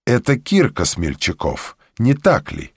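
A man's voice: fairly low pitch, wildly swooping pitch, unhurried, vocal fry, slightly rough, no room sound, full character voice. A man reading a story, voicing a wry young man who speaks in a dry, teasing way.

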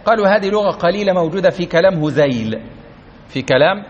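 A man's voice: high voice, animated, fast talker, slight background noise. A man teaching a classroom grammar lesson, explaining step by step, repeating key words and often checking that his students follow. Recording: dull lo-fi recording.

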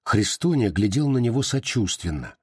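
Husky man narrating a novel. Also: on the low side, very animated, normal speed, no room sound, clean studio sound. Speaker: audiobook narrator. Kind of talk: literary audiobook narration.

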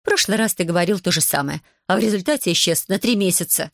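A woman's voice: fairly low pitch, fast talker, no room sound, studio quality, natural voice. A woman reading an audiobook, voicing a fretful, spiteful plantation mistress who whines and hisses her complaints. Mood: whining. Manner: whining, hissing, complaining.

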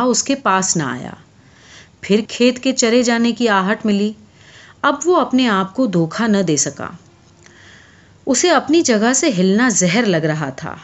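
A woman tells a classic short story in a steady, measured storyteller's voice. Her pitch sits at an ordinary middle. The recording is muffled and lo-fi. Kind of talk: literary audiobook narration. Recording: dull lo-fi audio.

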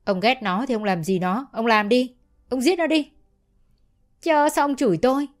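A woman voicing a fed-up middle-aged mother who shouts back sharply. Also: medium pitch, normal speed, soft background music, close to an everyday voice. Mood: angry defiance.

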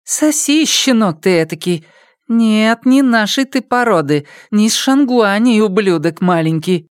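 A brazen, mocking young village woman taunts in a high, raised voice, as a man reading aloud puts her on. The pitch swoops in a lively way and the recording is close and dry, as in a storybook audiobook. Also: a little slow, clean tone, no room sound. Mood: harsh. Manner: taunting and coaxing.

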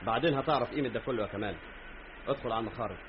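An actor with an Egyptian Arabic accent playing an elder brother who runs a workshop in a radio drama, giving orders brusquely. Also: male voice, medium pitch, racing, natural voice. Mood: commanding. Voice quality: commanding, brusque. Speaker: workshop owner. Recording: dull lo-fi radio recording with faint noise.

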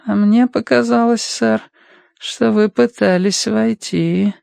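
A man reading an audiobook voices a limp, prying male financier in a thin, high voice. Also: steady tone, slow, creaky, darkish tone, no room sound, exaggerated voice. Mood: suspicious. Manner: prying, accusing. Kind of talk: audiobook character voice.

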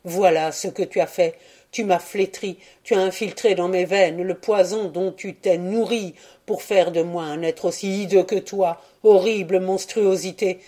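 A bitter, furious young man who throws out scornful words, with a woman reading the story doing his voice. The delivery is loud and hard, though the tone stays dark and mellow. He sounds like a storybook lover gone sour. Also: lowish voice, steady tone, unhurried. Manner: angry, contemptuous.

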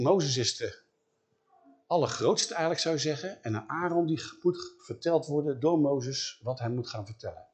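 A man's voice: mid-range voice, a little mellow. A man retelling a Bible story in a conversational way, with frequent questions to the listener.

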